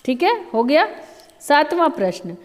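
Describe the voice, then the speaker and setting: Female teacher, slow patient delivery, higher voice, long reverb as if in a hall. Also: big pitch swings. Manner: slow, patient, explaining with many examples. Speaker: Hindi teacher. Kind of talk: recorded grammar lesson.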